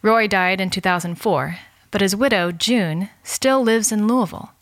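A woman's voice: mid-range voice, moderate pace, no echo. A woman reading scripted documentary narration as the host.

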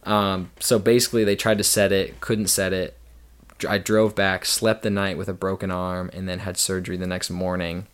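Young guy on a podcast, lowish voice, animated storyteller, does the voices when he quotes people. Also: moderate pace. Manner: animated storyteller, acts out quotes with big jumps in pitch. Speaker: podcast guest. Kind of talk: casual storytelling interview.

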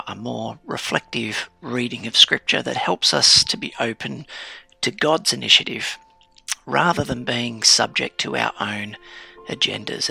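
A man with a heavily creaky yet very bright, crisp-edged voice guides a calm grounding meditation. He speaks slowly and reflectively, leaving deliberate pauses between phrases, with music behind him. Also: mid-range voice. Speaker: leader of a guided scripture meditation.

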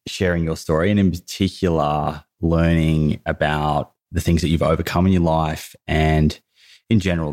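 A man hosting a podcast, asking measured questions and often repeating a word as he starts them. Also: extremely low pitch, darkish tone. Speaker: podcast host. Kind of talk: interview questions.

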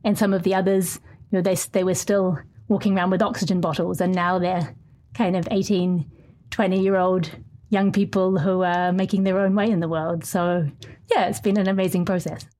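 Measured New woman reporter. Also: lowish voice, little pitch movement, darkish tone. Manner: measured, clear reading with some hesitant restarts when answering. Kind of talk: interview answers, then reading her own feature.

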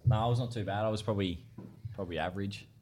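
A man's voice: lowish voice, very fast, a little mellow, a little hiss or hum. A young Australian man chatting casually as an interview guest, with a modest, hesitant way of talking. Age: young adult. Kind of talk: casual chat.

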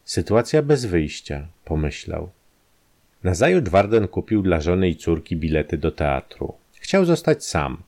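Male podcast narrator, deep and expressive, scripted crime tales. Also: vocal fry. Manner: measured storytelling with expressive rises.

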